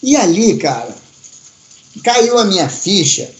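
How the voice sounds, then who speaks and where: Animated storyteller, roomy sound. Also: male voice, high voice, slow pace, slight background noise. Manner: animated, acts out quoted voices, slangy. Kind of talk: casual storytelling.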